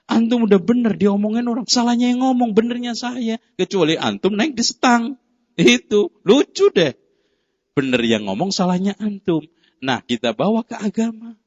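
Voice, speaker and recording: Animated preacher man, lo-fi recording. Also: normal speed. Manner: animated storytelling, jumping between high exclamations and low asides. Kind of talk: sermon with acted-out anecdotes. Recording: dull lo-fi lecture recording.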